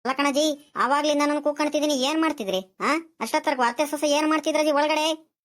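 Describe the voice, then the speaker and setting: An eager village neighbor woman in a cartoon, pleading and persistent, as a woman plays her. She talks quickly. Her voice is fairly high. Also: steady tone, fairly bright tone. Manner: persistent, pleading, many drawn-out fillers. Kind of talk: cartoon voice acting.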